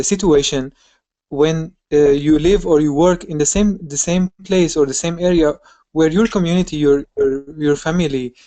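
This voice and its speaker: A woman's voice: low voice, warm tone, no echo. A woman speaks earnestly over a video call, sometimes stopping to search for words. Her voice sounds dry and close. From Syria. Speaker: surgery resident.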